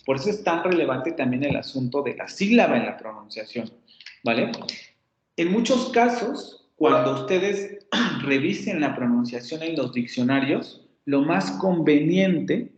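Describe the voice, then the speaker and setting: A man's voice: a little high, animated, a little hiss or hum. Mexican man lecturing in a roomy, dull room. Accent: Mexican Spanish. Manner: explanatory, repeats example words slowly, self-correcting. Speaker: university phonetics teacher. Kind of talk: classroom lecture. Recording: roomy, dull lo-fi classroom recording.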